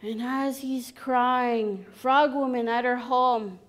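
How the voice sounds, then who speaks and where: A woman telling a traditional story to an audience, acting out the characters with expressive sounds and an unhurried delivery. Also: on the high side. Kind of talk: live oral storytelling lecture.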